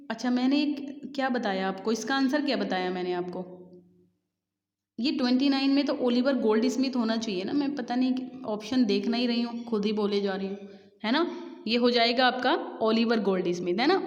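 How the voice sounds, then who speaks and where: A woman teaching English literature for exam prep, chatting with viewers and reading questions out slowly. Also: fairly high pitch, a little mellow. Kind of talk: exam-prep lesson in Hindi-English mix. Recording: dull lo-fi sound with long reverb.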